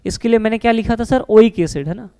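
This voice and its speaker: A man's voice: high voice, quick pace, warm tone, smooth. A male teacher giving an online chemistry lesson. He asks his own questions and answers them, and often calls the students his children.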